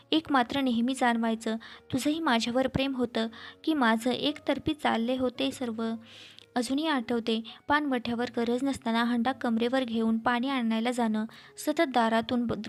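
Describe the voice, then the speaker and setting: A woman's voice: a little high, close to an everyday voice. A woman voicing a married woman who speaks in a wistful, confiding way in a storybook reading. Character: married woman recalling first love, wistful.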